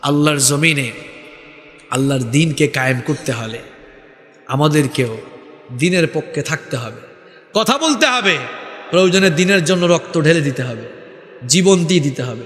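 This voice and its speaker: A man with a Sylheti Bengali accent preaches with fire, throwing questions at his listeners and rising to shouts. His voice sits a little high for a man. It booms back from an echoey space with a long, lingering reverb. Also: moderate pace, long pauses. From Sylhet, Bangladesh. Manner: rousing, calls out questions to the crowd, shouts at peaks. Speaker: Islamic preacher. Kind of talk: Bengali waz sermon.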